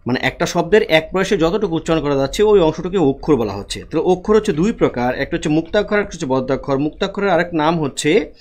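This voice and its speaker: A man's voice: fairly high pitch, expressive, a little mellow. A male teacher from Bangladesh, giving an online lecture and often asking a question and answering it himself. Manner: repeats questions and answers them himself, spells out syllables slowly. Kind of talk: online lecture on Bengali prosody.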